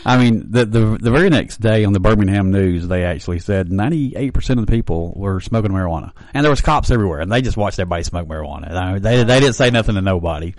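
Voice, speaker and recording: A man's voice: on the low side, animated, fast, hardly any pauses, a little mellow, dry recording, poor audio. A man hosting a radio show, telling stories in a folksy, laughing way. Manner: folksy storytelling, laughs easily. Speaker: radio host. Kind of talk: casual on-air chat.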